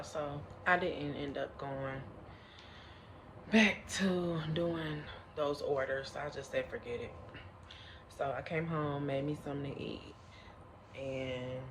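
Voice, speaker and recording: A woman's voice: low voice, a little hiss or hum. A woman vlogging casually to camera, talking directly to her viewers in a chatty way. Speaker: mom vlogger. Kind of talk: casual vlog talk to camera.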